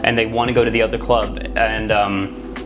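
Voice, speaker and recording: A man's voice: fairly low pitch, flat delivery, moderate pace. A man in his twenties from Miami casually telling a story to camera, rambling with lots of "like" fillers. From Miami, USA. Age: 20s. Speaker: vlogger. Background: music playing underneath.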